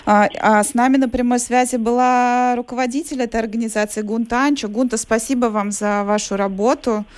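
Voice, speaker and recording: A woman's voice: a little high, steady tone, a little fast, few pauses. A woman hosting a radio programme, presenting guests and introducing segments. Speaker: radio host.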